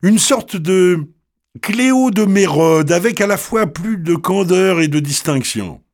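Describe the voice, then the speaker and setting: A man reading a story aloud in a wry, expressive way. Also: high-pitched, unhurried.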